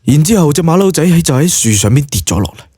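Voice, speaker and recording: Telling his story at a quick pace, a Cantonese-accented male narrator with husky edges brings colloquial drama and big, lively pitch swings to the audiobook. The recording is clean studio sound with no room tone.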